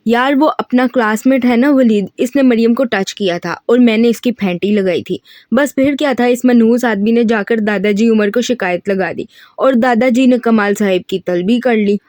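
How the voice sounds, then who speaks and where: A cheeky, scheming young man of twenty-five, as a woman reads him aloud in a storybook audiobook, bragging about his pranks with a joking swagger. The voice sits fairly high and the recording is dry and close. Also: darkish tone, no room sound, close to an everyday voice. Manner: boastful, joking, rapid storytelling. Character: cheeky 25-year-old male student, mischievous. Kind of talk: audiobook reading of a novel.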